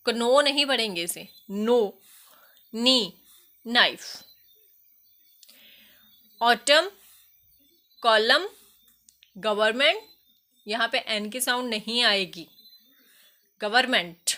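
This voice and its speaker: Lady english teacher, slow careful lesson, reads sentences out loud, spells stuff letter by letter, bright voice. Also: on the high side. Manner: explains in Hindi, reads English sentences slowly and loudly; spells words letter by letter, addresses students as beta. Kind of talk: recorded classroom lesson.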